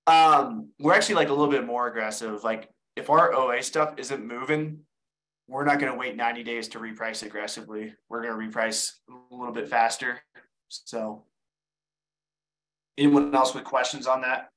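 A man's voice: mid-range voice, normal speed, fairly bright tone, low-quality recording. A man hosting a live online selling webinar, explaining things in a casual way, often restarting his phrases and taking questions from viewers. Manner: casual, repeats words while explaining. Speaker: online seller giving a webinar.

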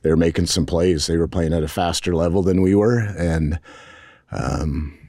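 A middle-aged head football coach speaks at a post-game press conference into table mics in a press conference room. His male voice is low, steady and mellow, and he talks in a measured, frank way with many restarts and fillers. The studio-quality recording has no echo.

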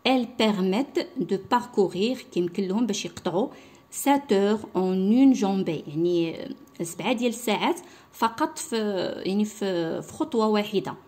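A young Moroccan-accented woman with a warm, animated, medium-pitched voice teaches a primary French lesson online, explaining in Darija and reading French lines slowly, syllable by syllable.

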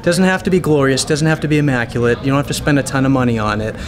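Talking to camera in a small restaurant dining room, a thirty-something paint party business owner delivers casual, meandering instruction. His voice is mid-range and racing, and a crowd can be heard in the background.

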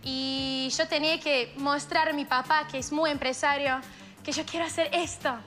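A woman's voice: high-pitched, steady tone, normal speed, a bit bright, soft background music. A young Russian woman with a Cordoba Argentine accent tinged with Russian, answering questions as a contestant on a singing show. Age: young adult. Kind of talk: answering coaches' questions on stage. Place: large TV studio stage.

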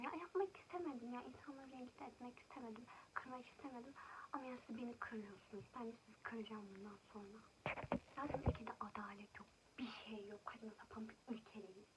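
A young woman talks through a casual makeup vlog, her voice sitting a little high. She vents in an indignant tone and often slips into half-whispered asides. The home recording carries clear background noise and room ambience. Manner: venting, indignant, drifting into soft whispers. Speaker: vlogger.

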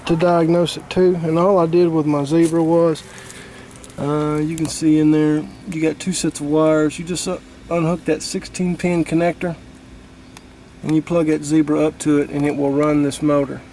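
Outdoors beside an air-conditioning unit, an HVAC technician walks through a repair step by step, casual and plain, with plenty of fillers. His voice is fairly high and flat, with a dark tone and a moderate pace. Slight background noise sits under the recording.

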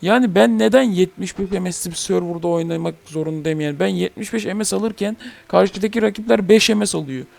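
A man's voice: sits high, brisk, vocal fry, few pauses, a little mellow. A young man hosting a gaming channel, ranting heatedly and swearing in a casual chat about a game.

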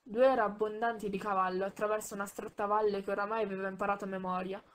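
Una donna che legge un romanzo ad alta voce con tono misurato, correggendo ogni tanto qualche piccolo inciampo. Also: female voice, medium pitch, little pitch movement. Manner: measured, with small slips and self-corrections. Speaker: audiobook reader. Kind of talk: reading a novel aloud.

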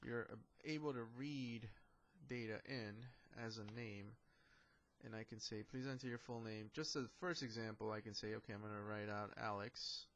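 Male instructor, casual lecture delivery, gravelly voice. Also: on the low side, normal speed, fairly bright tone, lo-fi sound. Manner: casual, joking, talks while writing code. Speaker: programming instructor. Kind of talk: classroom lecture.

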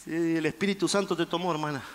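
A male pastor preaching a fervent sermon, shouting and acting out the quotes. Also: a little high, steady tone, fast, long reverb tail. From Argentina.

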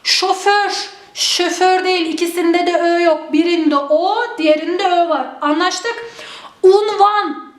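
A woman teaching spelling to exam students, drawing out each word slowly and often checking in with the class. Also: very high voice, fairly even intonation. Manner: drills words slowly, stretching them out. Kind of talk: exam-prep spelling lesson. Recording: echoey room.

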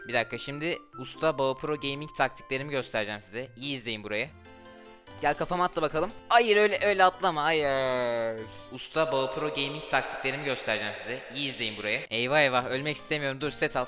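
A man giving excited gameplay commentary from home, trash-talking opponents and talking to his viewers. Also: medium pitch. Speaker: gaming YouTuber.

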